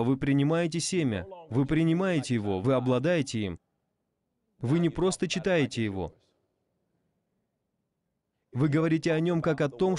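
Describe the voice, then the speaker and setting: A man's voice: on the high side, darkish tone. A man voicing a preacher's sermon in a dub, repeating phrases and asking the audience rhetorical questions. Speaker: voice-over translator of a preacher. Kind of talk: dubbed sermon.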